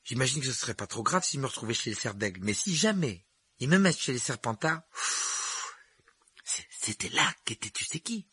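A man voicing an eager, talkative young wizard boy who rambles excitedly. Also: medium pitch, normal speed, breathy edge, no room sound, voice pushed up, heavily acted. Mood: chatty. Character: chatty eager red-haired wizard boy.

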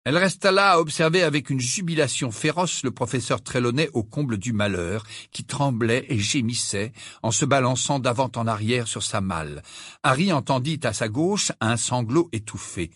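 A man narrating an audiobook with expressive storytelling. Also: mid-range voice, moderate pace, no room sound, studio quality. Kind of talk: scripted narration.

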